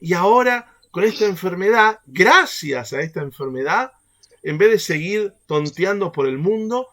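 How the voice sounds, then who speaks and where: Lively man leading a faith workshop. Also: high-pitched. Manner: animated, keeps checking in with the group through rhetorical questions. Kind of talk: teaching a catechesis workshop.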